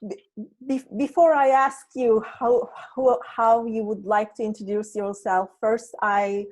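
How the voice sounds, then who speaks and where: Speaking a little slowly in a slightly high, steady, somewhat mellow voice, this meetup host from Turkey, a native Turkish speaker, chats warmly yet tentatively on a video call. The recording quality is rough.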